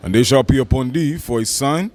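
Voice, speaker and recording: A man reading scripture passages aloud at a steady, measured pace during a debate. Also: mid-range voice, slight background noise. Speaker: scripture reader.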